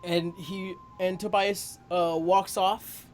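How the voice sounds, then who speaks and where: A man's voice: high voice, little pitch movement, soft background music. A man narrating a tabletop role-playing game as game master, hesitating often with ums and uhs. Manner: slow, halting narration full of ums and uhs.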